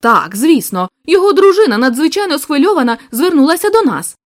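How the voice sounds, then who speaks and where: A woman's voice: sits high, very animated, a little fast, no room sound, clean studio sound. A woman reading the lines of a blunt, breezy male police inspector in an audiobook, in an offhand, worldly way.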